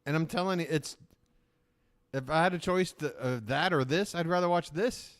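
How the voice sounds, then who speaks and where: A man hosts a live reaction stream, making sarcastic jokes over a shopping broadcast and laughing often. His voice is a bit bright at a moderate pace, and it jumps high whenever he mock-rants.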